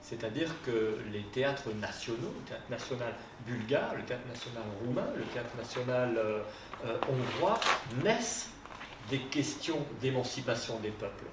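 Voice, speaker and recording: Recorded from afar in a theatre hall, the audio is very noisy and roomy. A translator on a panel about theatre talks at a moderate pace in an expressive, mid-range voice, stumbling over fillers and restarts.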